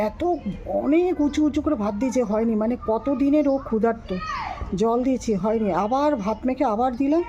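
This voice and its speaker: A woman vlogger with a Bengali accent, talking quietly and gently to her viewers while coaxing a stray dog to eat. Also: fairly high pitch, a little hiss or hum, low-quality recording. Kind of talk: casual vlog.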